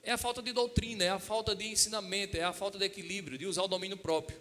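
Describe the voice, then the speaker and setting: Bright-voiced pastor preaching. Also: male voice, sits high, very fast, big-room sound. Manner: asks the congregation "Amém?" and "Quem entende?"; lively retelling with acted-out dialogue. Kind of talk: storytelling sermon.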